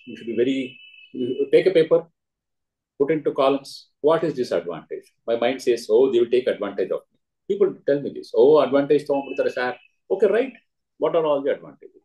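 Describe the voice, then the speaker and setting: A man with a South Indian accent giving a spiritual discourse as a teacher, in short, emphatic, deliberate phrases, often repeated. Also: mid-range voice, mellow, low-quality recording. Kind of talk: spiritual discourse answering a question, with parables.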